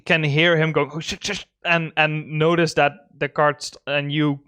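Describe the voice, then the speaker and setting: Male GM, casual tabletop narration, clear tone with a dry close sound. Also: on the high side, measured pace, no room sound. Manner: relaxed, laughing often, filler-heavy narration. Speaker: game master. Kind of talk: running a tabletop game session.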